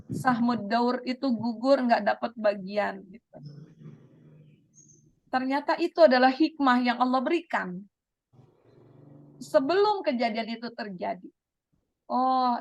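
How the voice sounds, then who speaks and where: A woman teaching a religious study group over a video call, explaining calmly and inviting the listeners to share. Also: a little high, no echo. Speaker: Islamic teacher. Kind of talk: online religious study lesson. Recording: dull lo-fi video call audio.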